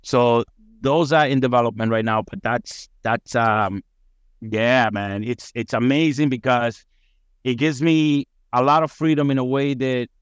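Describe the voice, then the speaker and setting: A man's voice: medium pitch, measured pace, clear, resonant tone, no room sound. A middle-aged man, a firefighter guest on a podcast, telling his story in a rambling, upbeat way and swearing freely.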